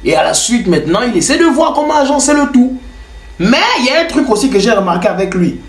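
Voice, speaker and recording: A man's voice: extremely high pitch, big pitch swings, fast. A young man explaining in a casual, loose way how he builds a rap track, with lots of fillers. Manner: loose and chatty, many fillers like "genre". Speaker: home music producer and rapper. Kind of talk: casual tutorial talk to camera. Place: his bedroom. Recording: roomy bedroom echo.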